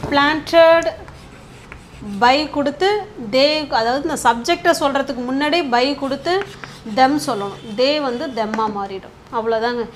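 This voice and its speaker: High-voiced woman teaching grammar. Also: moderate pace, a little hiss or hum. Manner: patient, often asks "okay?"; stretches out words while writing. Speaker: English teacher. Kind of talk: spoken grammar lesson.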